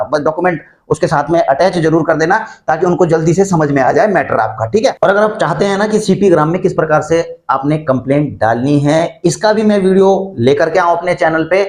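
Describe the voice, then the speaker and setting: A man hosting an online channel, explaining rules to viewers in a chatty, conversational way, often calling them friends. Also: a little high. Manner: chatty, addresses viewers as friends, frequent fillers and restarts. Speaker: YouTube channel host explaining army pension rules.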